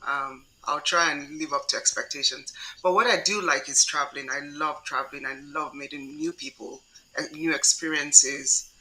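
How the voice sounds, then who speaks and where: Woman guest doctor, very bright and tense voice, modest and self-deprecating. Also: deep voice, fairly even intonation, moderate pace, low-quality recording. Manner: self-deprecating, soft-spoken. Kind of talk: casual chat.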